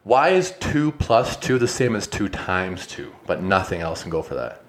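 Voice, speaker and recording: A man's voice: low-pitched, big pitch swings, normal speed, slight background noise. A man co-hosting a podcast in crude, joking casual banter. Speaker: podcast co-host.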